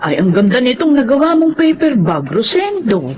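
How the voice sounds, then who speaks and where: An actress playing a chatty older mother in a radio drama, lively and talkative. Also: high voice, normal speed, noisy background. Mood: cheerful. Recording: dull lo-fi radio recording.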